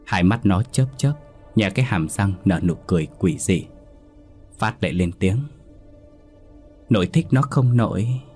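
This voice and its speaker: A man narrating a horror story in a measured, dramatic way. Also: low-pitched, darkish tone.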